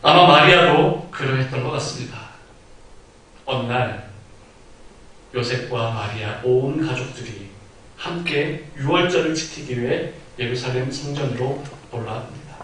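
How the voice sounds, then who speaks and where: A man's voice: mid-range voice, unhurried, a little hiss or hum. Echoey storytelling male preacher. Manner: storytelling preacher, acts out quoted speech with sudden loud outbursts. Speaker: pastor. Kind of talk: sermon. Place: church sanctuary. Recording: very echoey hall, mic at a distance.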